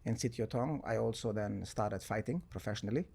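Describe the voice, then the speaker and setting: This German podcast guest has a fairly low, gravelly, slightly rough voice and a brisk delivery. A sports entrepreneur, he spins easygoing stories in a casual interview, peppering them with "right?" and "you know".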